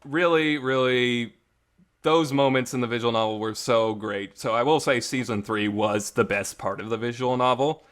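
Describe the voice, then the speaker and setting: The host of a visual novel review show gives a casual, unscripted review in a reverberant amateur home recording. His mid-range voice is steady, moderately paced and a bit bright, and he talks emotionally and emphatically, with some mild swearing.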